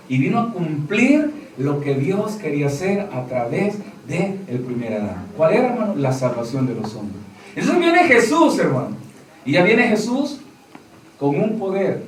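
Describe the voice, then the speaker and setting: A man's voice: sits high, far from the mic, a little hiss or hum. A man preaching as a pastor, who keeps calling his listeners "brother" and asking them questions. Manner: preaching, addresses listeners as "hermano", asks questions. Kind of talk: sermon. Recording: roomy echo, voice from off mic.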